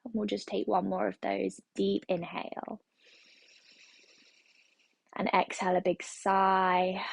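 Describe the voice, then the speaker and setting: Woman, yoga teacher, guided meditation, flat even delivery, dry close sound. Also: mid-range voice, vocal fry, breathy edge, no echo. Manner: slow, soothing, repetitive phrasing.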